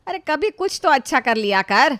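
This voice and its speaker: Bossy older mother-in-law, loud and harsh when she scolds, voiced by a woman, a bit high, storybook cartoon. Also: sing-song, moderate pace, dry recording, clean studio sound, exaggerated voice. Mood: scolding.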